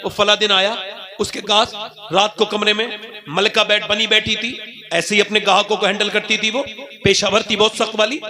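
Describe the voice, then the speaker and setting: Fervent high-voiced male preacher, loud crowd. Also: little pitch movement, normal speed. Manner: emotional, rising to fervent high cries, addresses listeners directly. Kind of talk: storytelling sermon to a gathering. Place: public religious gathering before a large audience.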